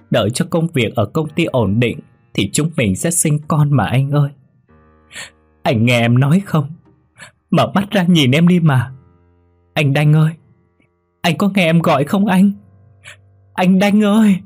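A man's voice: fairly high pitch, measured pace, pauses often, a little mellow, breathy edge, soft background music, voice pushed up. Man putting on a wailing young widow. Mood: grieving wail. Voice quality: strained, rising wails. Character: young village wife wailing over her dead husband.

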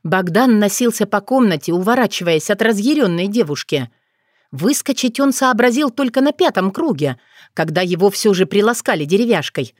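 A woman narrating an audiobook in an expressive storytelling manner. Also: medium pitch, normal speed, no echo. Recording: dry close recording.

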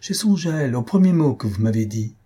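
A man's voice: mid-range voice, big pitch swings, fast, dark tone, breathy edge. A man voicing a gallant young count, courteous and eager.

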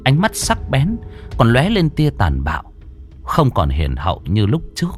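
A man narrating a horror story with a dramatic, expressive reading. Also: medium pitch, normal speed, soft background music.

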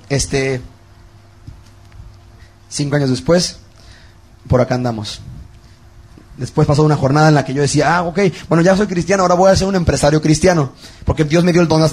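A Mexican man in his thirties delivers a heartfelt sermon to a youth camp. His voice is husky and pitched a little high. He acts out his own prayers and swings between hushed, breaking lines and sudden lifts in his voice. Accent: Mexican Spanish. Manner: dramatic, quotes prayers, swings loud and hushed. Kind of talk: emotional personal testimony sermon.

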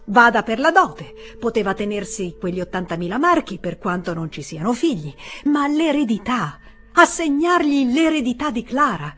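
A woman's voice: on the low side, moderate pace, soft background music, natural voice. A woman voicing a proud, resentful middle-aged senator with a raised, reproachful voice. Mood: indignant.

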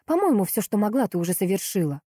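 A woman reading an audiobook voices a calm, conciliatory young wife who speaks gently and evenly. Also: medium pitch, fast talker, breathy edge, dry recording, studio quality. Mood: soothing. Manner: gentle, soothing and level.

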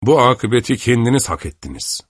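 A man reading a proud, cold gentleman who answers in a haughty, clipped way, in an audiobook. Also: medium pitch, lively intonation, a little fast, dry recording, clean studio sound, voice pushed up, natural voice. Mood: indignant.

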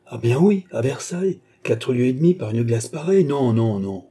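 A man's voice: medium pitch, lively intonation, normal speed, warm tone, natural voice. A man reading an audiobook, voicing a grumbling, greedy coachman who haggles over the fare. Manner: gruff, bargaining, sly. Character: grumbling greedy old Paris coachman, half frozen.

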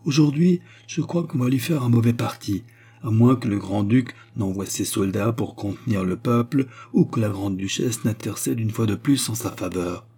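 Man voicing a chatty, earnest young peasant boy, dark husky tone. Warm but rough voice. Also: lowish voice, normal speed. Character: talkative good-natured young male Russian peasant.

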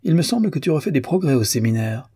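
A man's voice: a little high, very animated, fast talker, mellow, husky, no room sound, studio quality, pitched above the performer's own voice, exaggerated voice. A man voicing a wry, teasing male doctor who banters with a clever young man. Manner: bantering, ironic.

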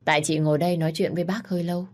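A woman's voice: fairly low pitch, fairly even intonation, racing, darkish tone, natural voice. A woman voicing a scheming, two-faced young woman who talks sweetly and shrilly. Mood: sugary.

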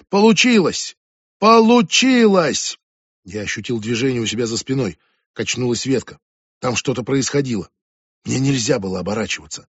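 A man narrating an audiobook in a measured, reflective first-person reading. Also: mid-range voice, a little mellow, breathy edge, dry recording, highs cut off.

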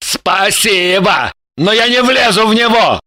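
A woman's voice: mid-range voice, expressive, unhurried, bright, forceful tone. A woman reading an audiobook voices a sulky, evasive man who grumbles and defends himself plaintively. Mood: grumbling. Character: sulky, self-pitying man, evasive and sly. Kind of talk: audiobook character voice.

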